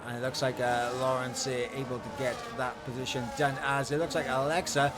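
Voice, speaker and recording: A man's voice: mid-range voice, level tone, fairly quick. A man giving live play-by-play motorsport commentary on a sim race, calling the action in long running sentences.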